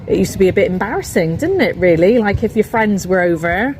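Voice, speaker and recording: A woman talking casually and cheerfully, laughing between remarks. Her voice is mid-pitched, with faint hiss behind it. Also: expressive, brisk, darkish tone. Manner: chatty, laughing. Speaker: interviewee. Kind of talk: casual chat.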